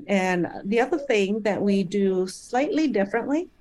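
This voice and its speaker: A middle-aged woman from Malaysia speaks as an interview guest, at a pitch typical for a woman. She talks thoughtfully, trailing into "um" and "uh" and breaking into small laughs along the way. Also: lively intonation, moderate pace, a little mellow. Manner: thoughtful, with frequent fillers and light laughs. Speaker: guest, nonprofit founder. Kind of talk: conversational interview.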